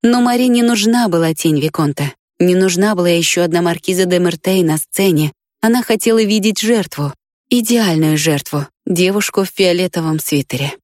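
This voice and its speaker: A woman narrating an audiobook in a calm, even reading voice. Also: lowish voice, normal speed, no room sound, studio quality.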